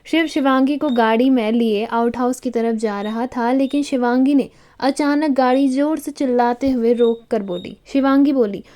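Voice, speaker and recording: A woman's voice: sits high, moderate pace, few pauses, warm tone. A woman narrating a romantic story in a scripted, dramatic storytelling manner.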